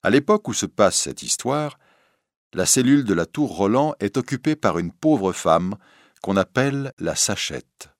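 A man reading a story aloud in scripted narration, expressive and storytelling. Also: fairly low pitch, moderate pace, no echo, studio quality.

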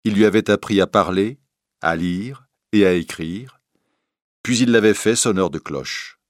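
A man reading a story aloud in scripted narration, expressive and storytelling. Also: on the low side, measured pace, no room sound, clean studio sound.

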